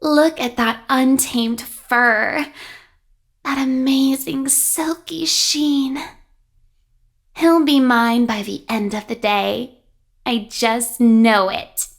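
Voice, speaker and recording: A woman voicing a lovesick, obsessive, girlish animatronic in a video game, with breathy, dreamy swooning. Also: on the high side, fairly even intonation, extremely slow. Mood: scheming infatuation. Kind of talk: video game character acting.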